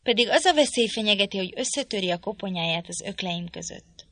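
A woman's voice: medium pitch, animated, a bit bright, no room sound. A woman voicing a scornful, brutish man who speaks in a sneering, contemptuous way in an audiobook reading. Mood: mocking.

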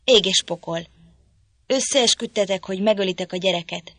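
A woman reading an audiobook, voicing a drunken, violent young father who rants and threatens loudly. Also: mid-range voice, lively intonation, no room sound. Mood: raging. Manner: loud, ranting, threatening.

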